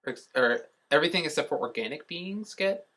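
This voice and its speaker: With a bright, forceful voice on the high side, a man talks briskly and with lively intonation while co-hosting a podcast. He rambles through casual explanations, dropping the occasional offhand swear word.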